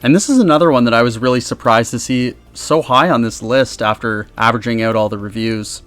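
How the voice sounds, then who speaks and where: This countdown review host talks a little fast in a medium-pitched, fairly bright voice, close to his USB microphone. The recording has no room sound, just faint music behind. He's a video reviewer with a casual, chatty, enthusiastic style.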